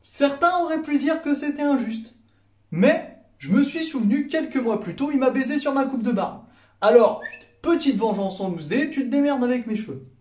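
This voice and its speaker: Young French male comic vlogger, wide-ranging high voice, sarcastic, reverberant room. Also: normal speed. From France. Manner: sarcastic, animated, acts out dialogue. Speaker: comedy vlogger. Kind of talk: comedic storytelling monologue.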